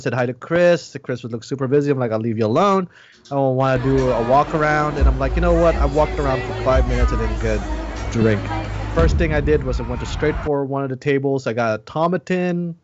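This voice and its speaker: A man's voice: medium pitch, brisk, muffled recording. A man co-hosting a podcast in casual chat, rambling with many restarts and fillers. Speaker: podcast co-host.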